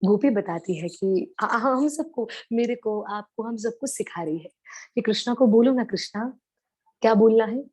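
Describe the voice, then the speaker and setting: Animated woman preacher, high voice. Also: slightly rough. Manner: animated storytelling, repeats phrases, sings slow chant lines. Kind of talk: devotional talk with sung verses.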